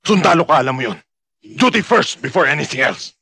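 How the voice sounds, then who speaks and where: A strict army lieutenant who puts duty above all, speaking in a husky, bright voice that moves a lot in pitch. He hands down orders with no sympathy. Faint music runs under this film scene. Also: sing-song, a little fast, exaggerated voice. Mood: stern. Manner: harsh commanding. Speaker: military officer. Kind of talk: film acting.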